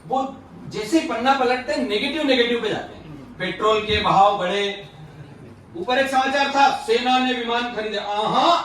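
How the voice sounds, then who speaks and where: A man's voice: very high voice, moderate pace, fairly bright tone, slight background noise. A man giving a joking motivational talk to an audience at a youth leadership session and teasing the listeners with questions. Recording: roomy echoey hall from far off.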